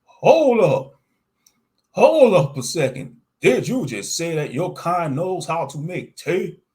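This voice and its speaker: A man voicing a nervous, easily shocked human interviewer who exclaims in a high voice, in a narrated monster story. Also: big pitch swings, slow pace, a little mellow. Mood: astonished.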